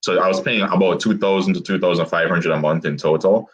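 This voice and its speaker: A young man raised outside the US speaks as a guest in a casual interview, recounting his story in a relaxed way. His voice sits low, and he laughs often, pokes fun at himself, and restarts haltingly. The audio is dull, lo-fi online call sound.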